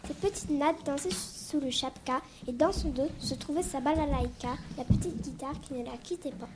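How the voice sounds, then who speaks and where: High-voiced woman reading a tale aloud. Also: moderate pace, noisy background. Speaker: school pupil reading a story on a class radio show. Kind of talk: read-aloud storytelling.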